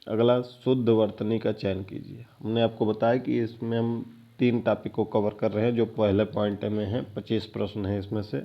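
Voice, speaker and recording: A man's voice: fairly low pitch, little pitch movement, normal speed. A male teacher going through exam questions, repeating each answer word several times and checking in with a rising "ठीक है" after each point. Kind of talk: exam-prep lecture. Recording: dull lo-fi lecture recording.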